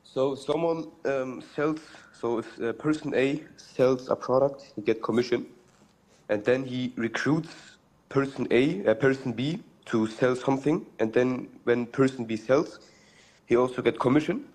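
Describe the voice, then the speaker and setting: A man's voice: medium pitch, unhurried, darkish tone, low-quality recording. A man calling in to a live show, working through a question in hesitant spoken phrases. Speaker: caller asking a question.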